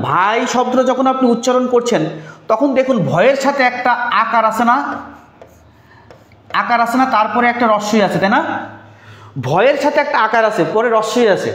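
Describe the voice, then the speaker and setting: A man's voice: very high-pitched, a bit bright, roomy sound. A man teaching a live online grammar class, repeating key points and quizzing his listeners as he goes.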